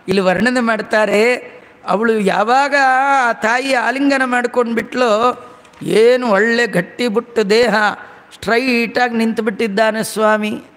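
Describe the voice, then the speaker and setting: Brief: high-pitched male religious storyteller, lively and chanting, recorded in a reverberant hall. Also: slow, pauses often. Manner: animated storytelling, chants Sanskrit verses. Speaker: religious discourse speaker. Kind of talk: devotional storytelling discourse.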